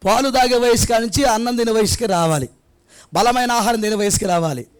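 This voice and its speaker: High-voiced pastor preaching conversationally. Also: male voice, a little fast, smooth. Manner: conversational preaching, rhetorical questions, acts out child and grandfather. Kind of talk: sermon. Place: church prayer hall.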